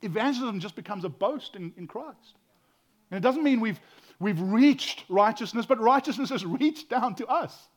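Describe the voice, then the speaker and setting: Preaching as pastor, a man with a loud, high-sitting voice moves at a moderate pace with lively intonation. He swings from quiet whispers to loud outbursts, frequently stammering and saying words twice.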